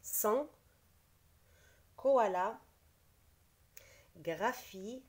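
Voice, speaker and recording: Woman, schoolteacher, slow and deliberate, repeats every word for the class. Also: medium pitch, animated. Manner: explains patiently, repeats each word, switches briefly into Arabic. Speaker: teacher. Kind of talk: slow spelling lesson, reading words aloud.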